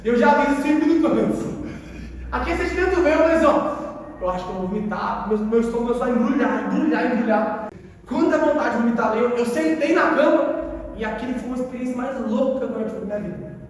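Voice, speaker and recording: A man's voice: very high-pitched, lively intonation, fast talker. A man preaching a sermon, telling a personal conversion story in an emotional, conversational way with casual slang and a Brazilian accent. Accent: Brazilian Portuguese. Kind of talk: sermon testimony. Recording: echoey hall from far off.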